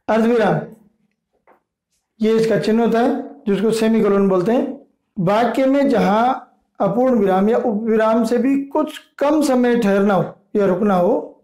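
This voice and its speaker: A man teaching a grammar lesson, slowly listing terms and giving example sentences. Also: high voice, mellow. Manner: slow, deliberate listing of terms. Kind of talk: explaining a Hindi grammar lesson. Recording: echoey room.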